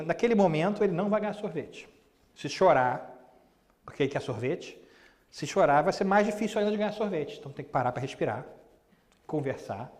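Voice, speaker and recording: Middle-aged guy giving a chatty talk, kinda high voice, lots of echo like a big hall, keeps asking the crowd stuff. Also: a little mellow. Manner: conversational, asks the audience questions; acts out short dialogues. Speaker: Spiritist speaker. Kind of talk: live lecture. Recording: long hall reverb.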